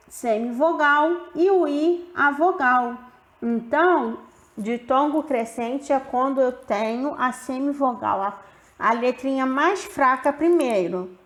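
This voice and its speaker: Slow high-voiced woman teaching. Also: roomy sound. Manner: slow and deliberate, stretching out example words. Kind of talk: classroom grammar lesson.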